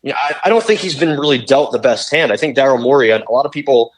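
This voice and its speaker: Brief: young male podcast co-host, mid-pitched, blunt, swears freely, ranting sports talk. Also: fast talker, rough recording. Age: young adult.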